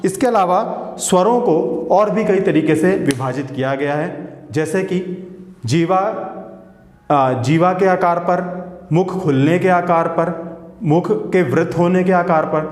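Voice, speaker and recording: A male teacher leads a lesson in a fairly high voice, slowly repeating each sound and pausing to check that his listeners follow. The room is echoey, with a long trailing reverb behind his voice. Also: darkish tone. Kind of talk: classroom lesson.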